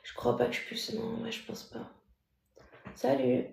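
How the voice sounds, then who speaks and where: A woman chats live to her viewers, teasing and mocking them. Her voice sits a little high with a gravelly, fry-laden edge. The phone picks her up in a roomy, echoing space. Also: flat delivery, unhurried, slight background noise. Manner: chatty, mocking, talks loudly by habit. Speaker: livestreamer. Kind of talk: casual live-stream chat.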